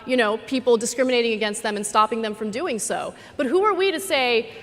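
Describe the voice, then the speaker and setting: A woman's voice: fairly high pitch, lively intonation, fast talker, a bit bright. A woman arguing in a public debate, fluent and conversational. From Los Angeles, United States. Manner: fluent, conversational, leans on "I mean" and "you know". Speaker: debater, commentator. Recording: echoey hall.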